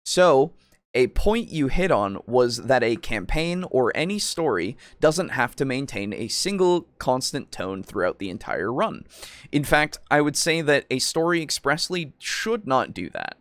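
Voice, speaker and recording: A podcast host reads out comments in casual chat, playful and jokey throughout. His voice is medium in pitch, with no room sound.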